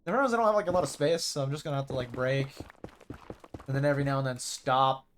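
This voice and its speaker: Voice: mid-range voice, fast talker, a little hiss or hum. A streamer rambling and thinking aloud over live gameplay in casual chat.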